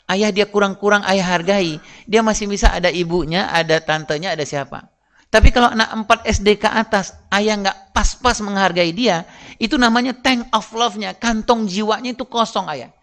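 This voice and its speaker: High-voiced man giving a parenting talk. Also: fairly bright tone. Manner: chatty, repeatedly addresses listeners as fathers; acts out parent and child dialogue. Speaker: parenting speaker. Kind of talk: seminar talk.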